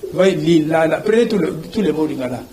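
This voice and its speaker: Didactic professor, slightly high voice. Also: male voice, lively intonation, quick pace, crowd noise, poor audio. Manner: didactic, repeats "vous voyez", spells out letters. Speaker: guest, language professor. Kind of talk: TV interview, explaining.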